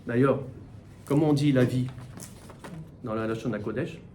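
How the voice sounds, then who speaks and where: A middle-aged man, a rabbi, giving a Torah class in with mixed in, animated and full of rhetorical questions. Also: mid-range voice, moderate pace, a little hiss or hum. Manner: animated, rhetorical questions, repeats words while searching. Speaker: rabbi teaching the weekly portion. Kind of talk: Torah class, spoken teaching.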